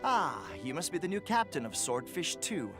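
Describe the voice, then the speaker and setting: A wary game soldier with a lively delivery. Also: male voice, fairly high pitch, moderate pace. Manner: formal and doubtful. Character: wary male soldier sizing up a new captain. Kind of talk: video game voice acting. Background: game music.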